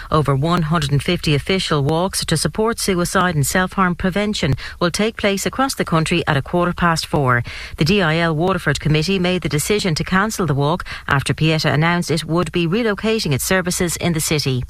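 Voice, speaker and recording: High-voiced Irish male newsreader, dry studio sound. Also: fairly quick, a bit bright, no echo. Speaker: radio newsreader. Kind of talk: scripted news bulletin.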